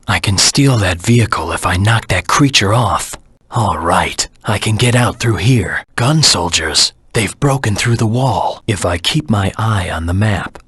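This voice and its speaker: A man voicing a brooding, gruff hedgehog antihero in a video game, with a gravelly voice and a terse, serious, analytical manner. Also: deep voice, pushed and bright, no room sound, heavily acted. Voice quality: gravelly, husky. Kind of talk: scripted video game voice lines.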